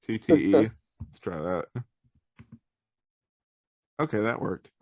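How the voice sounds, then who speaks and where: A man with a lowish voice hosts a podcast in loose, joking chat. He talks through what he's doing as he types. His sound is close and dry, with no room around it. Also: very animated, slow pace, a little mellow, no echo, lo-fi sound. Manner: joking, narrates while typing. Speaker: podcast host. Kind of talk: casual chat.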